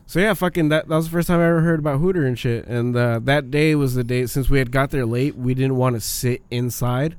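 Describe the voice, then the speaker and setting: A man's voice: mid-range voice, brisk, few pauses, clear, resonant tone, no echo. A man in his twenties chatting casually like a frat bro, telling crude, slangy stories full of swearing. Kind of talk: casual chat, swearing storytelling.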